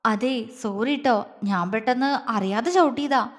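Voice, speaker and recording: A woman's voice: high-pitched, expressive, moderate pace. A woman voicing a timid, innocent young bride who stammers and hesitates, in a reverberant recording. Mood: shy, flustered. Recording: long reverb.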